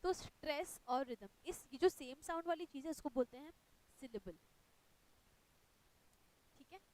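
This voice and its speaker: A woman's voice: high-pitched, normal speed, darkish tone, low-quality recording. A woman with an Indian accent teaching an online exam-prep lecture, explaining patiently in mixed Hindi and English and checking in with "right?".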